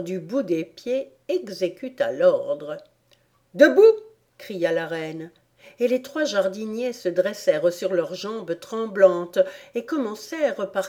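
A woman reading a children's storybook aloud in a slow, measured narration. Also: mid-range voice, warm tone. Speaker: audiobook reader.

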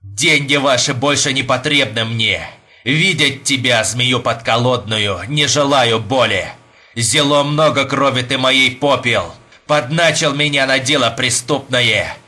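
A man's voice: medium pitch, a little slow, bright, forceful tone. A man reading an audiobook voices a fervent young Russian man who speaks in an archaic, impassioned way. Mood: defiant.

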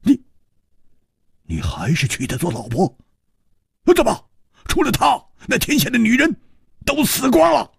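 A man's voice: mid-range voice, big pitch swings, measured pace, long pauses, breathy edge, no echo, studio quality, exaggerated voice. A man voicing a blunt, hot-tempered swordsman who roars his words. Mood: furious. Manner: loud roaring.

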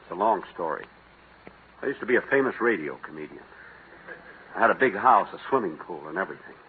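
A man's voice: deep voice, expressive, quick pace, voice pushed down. A man playing a hungry, penniless American drifter in a 1940s radio comedy sketch, weary and self-pitying, on an old recording. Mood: downcast. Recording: scratchy narrow-band 1940s radio recording.

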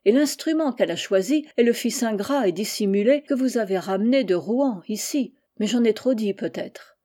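Cunning stepmother queen for an audiobook, soft insinuating delivery, warm mellow tone, read by a woman. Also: fairly high pitch, moderate pace, natural voice.

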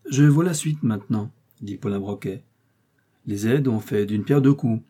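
A man reading an audiobook, voicing a calm, kindly detective who asks gentle, patient questions. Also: on the low side, normal speed, slightly rough. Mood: reasoning. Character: calm, kindly middle-aged male detective.

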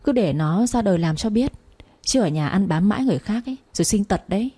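A woman's voice: medium pitch, lively intonation, fast talker, dark tone, slightly rough. A woman voicing a blunt older brother lecturing his idle sister, in a storybook reading. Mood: annoyed. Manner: blunt, scolding.

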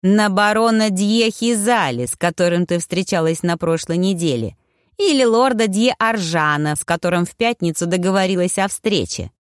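A woman's voice: on the low side, normal speed, dry recording, clean studio sound, natural voice. A woman reading an audiobook, voicing a sarcastic, defiant young man who mocks his family. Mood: mocking. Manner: mocking, biting, scornful.

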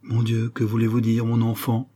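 A man's voice: medium pitch, monotone, moderate pace, dark tone, breathy edge, natural voice. A man reading an audiobook, voicing an older aristocratic father, a Spanish duke, who is stern yet fatherly.

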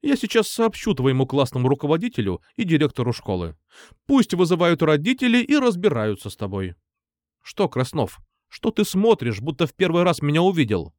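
Brief: stern middle-aged schoolmistress scolding pupils, man doing the voice, raised pitch, audiobook. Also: very animated, a little fast, no room sound, clean studio sound. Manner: stern, lecturing, loud.

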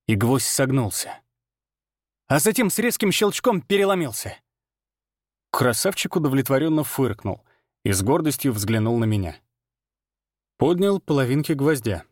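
Steady male audiobook narrator. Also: medium pitch, no room sound, studio quality. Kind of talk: first-person scripted narration.

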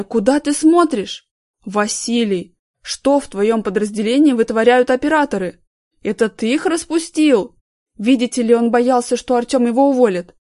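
A stern middle-aged TV station boss who scolds his staff and hands down orders, read by a woman narrator. The voice sits a little high and sounds dry and close to the mic. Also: a little mellow, no room sound, natural voice. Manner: commanding, scolding.

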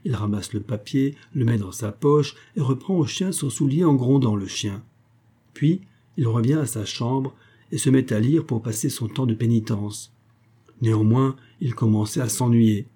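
A man narrating a classic children's story in a measured, expressive storytelling manner. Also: medium pitch, slightly rough.

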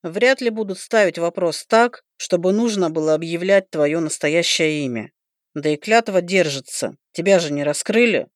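A woman's voice: lowish voice, moderate pace, no echo, studio quality, lightly acted. A woman reading an audiobook, voicing a young male dragon student who talks in a blunt, teasing, matter-of-fact way. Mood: wry. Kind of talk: audiobook character voice.

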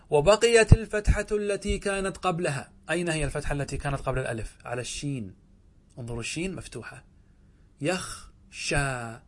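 A man teaching an Arabic grammar lesson. He asks his students questions, answers them himself, and slows down when quoting the text. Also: fairly high pitch, slightly rough.

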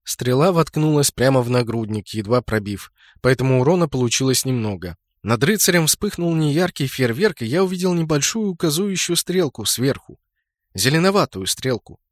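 A man narrating a first-person audiobook in a steady, even reading. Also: medium pitch, moderate pace, dry recording, studio quality.

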